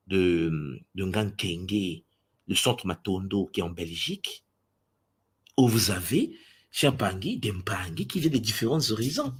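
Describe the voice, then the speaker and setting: Brief: husky male spiritual teacher, lively swooping delivery, mimics others' voices in asides. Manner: swings from booming exclamations to low intimate asides. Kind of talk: impassioned spiritual address to followers.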